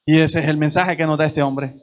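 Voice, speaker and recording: A man's voice: on the high side, level tone, brisk. A man preaching a sermon at a church service, earnest and repeating phrases for emphasis.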